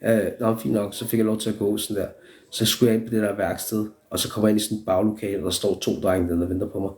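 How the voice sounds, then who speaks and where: A man's voice: lowish voice, little pitch movement, a little mellow. A young man telling a story on a live stream in a rambling, profane way, full of restarts and swearing.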